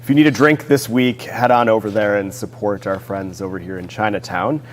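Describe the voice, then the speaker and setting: A man's voice: fairly low pitch, fairly even intonation, brisk. A man co-hosting a casual chat show, easygoing, reading out sponsor thanks. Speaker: co-host. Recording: long reverb of a theater hall with faint noise.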